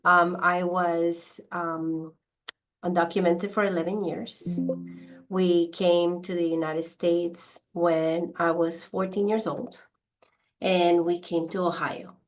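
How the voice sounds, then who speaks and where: Reflective woman, lowish voice. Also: flat delivery, faint music behind. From Costa Rica. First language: Spanish. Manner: reflective, many pauses and fillers. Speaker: podcast guest. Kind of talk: casual interview storytelling.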